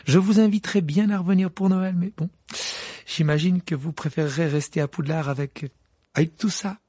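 A man's voice: on the high side, moderate pace, dark tone, breathy edge, dry recording, clean studio sound, voice pushed up. A man doing a fussing, motherly witch. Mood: fond. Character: warm middle-aged mother witch, fussing.

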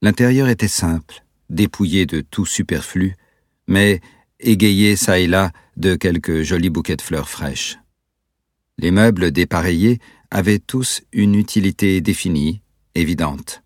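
Un narrateur masculin à la voix extrêmement grave et légèrement voilée lit un roman d'un ton mesuré. La prise est sèche et très proche du micro, sans aucune résonance. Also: male voice, low-pitched, no room sound, clean studio sound. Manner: measured, descriptive reading. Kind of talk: scripted audiobook narration.

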